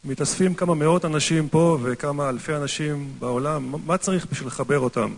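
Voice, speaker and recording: A man's voice: on the high side, rapid-fire. A man asking casual questions and joking. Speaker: interviewer.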